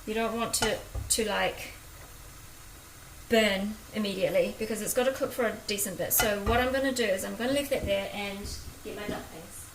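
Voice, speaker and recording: Here a woman with a medium-pitched voice talks at a normal pace in a broad Kiwi accent, informally welcoming viewers to her cooking livestream. She's indoors in her home kitchen, picked up by a phone at a slight distance; the room echoes and the sizzling, stirring and kitchen clatter are clearly audible.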